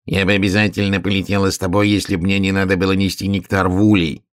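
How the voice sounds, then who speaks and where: A man voicing a busy, hard-working female bee who rattles her words off quickly. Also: deep voice, little pitch movement, smooth, no room sound, clean studio sound, natural voice. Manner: hurried, rattling speech.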